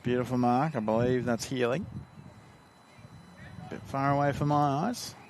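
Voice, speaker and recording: A man with an Australian accent co-commentating amateur football, joking around and getting loud on big tackles. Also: mid-range voice, measured pace, slight background noise.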